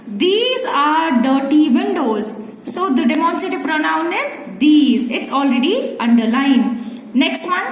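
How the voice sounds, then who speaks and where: A high-voiced woman with an Indian English accent, teaching school grammar at an unhurried pace. She explains each example patiently and keeps checking that the class follows. The recording sits in an echoey room with faint background hiss. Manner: slow, explanatory, checks with "Clear?".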